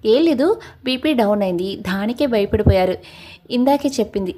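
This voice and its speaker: A woman's voice: a little high, normal speed, mellow, natural voice. A woman voicing a playful, teasing young man in love in a Telugu audio story. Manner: playful, joking.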